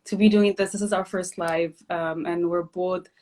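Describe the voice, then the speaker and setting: Chatty woman from Ethiopia, lowish voice. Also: normal speed. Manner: relaxed, chatty, many fillers and restarts. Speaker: host, physician. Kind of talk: casual live-stream chat.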